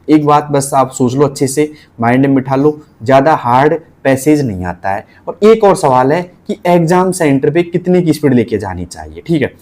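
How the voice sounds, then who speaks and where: A man with a Rajasthani Hindi accent, teaching typing in a casual way, repeating points and spelling letters out slowly. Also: medium pitch, a little mellow. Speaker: typing tutor.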